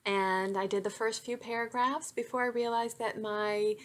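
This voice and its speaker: A woman's voice: fairly high pitch, fairly even intonation, normal speed. A woman author, chatty and self-deprecating, reading from her own romance novel into a webcam. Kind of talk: chatty intro then novel reading aloud.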